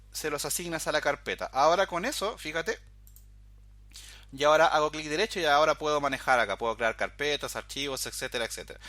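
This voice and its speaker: A man's voice: on the high side, pushed and bright, no echo. A man teaching a programming tutorial, explaining each step as he goes and often calling the viewer's attention to details. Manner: explanatory, walks through steps, often says "fíjate". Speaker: programming instructor. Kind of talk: screen-recorded coding tutorial.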